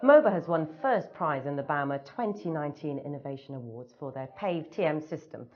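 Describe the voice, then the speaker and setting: A woman presenting news roundups in a measured, informative scripted style. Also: deep voice, animated, lo-fi sound. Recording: noisy background ambience.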